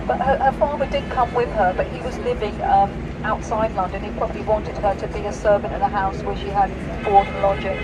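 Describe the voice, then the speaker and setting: A middle-aged woman giving an explanatory guided-tour talk in an informal, teacher-like manner. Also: medium pitch. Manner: teacher-like, informal, prompting listeners with questions. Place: outdoors on a busy city high street. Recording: loud street traffic noise. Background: passing vehicles, city street ambience.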